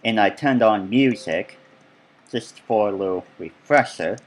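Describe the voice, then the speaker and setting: A man's voice: lowish voice, unhurried, faint music behind. A man giving casual, rambling gameplay commentary as he tours his own build, full of chatty asides. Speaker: let's play gamer.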